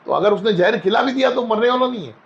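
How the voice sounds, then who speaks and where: High-voiced man telling folksy stories. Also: expressive, fast, gravelly, muffled recording. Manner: anecdotal, folksy, acts out quoted voices. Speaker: spiritual guest. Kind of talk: storytelling in a casual interview.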